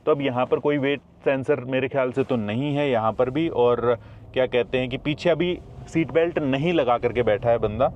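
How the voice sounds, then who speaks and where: A man's voice: mid-range voice, moderate pace, lo-fi sound, slight background noise. A man casually reviewing a new car, talking straight to his viewers as friends, partly from behind the wheel. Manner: chatty, addresses viewers directly as friends. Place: in and around a car, partly while driving.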